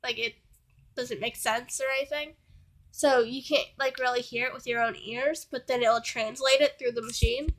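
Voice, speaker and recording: A woman's voice: on the high side, steady tone, normal speed, fairly bright tone. A young woman vlogging while sick, telling a story in casual chat and rambling with constant fillers.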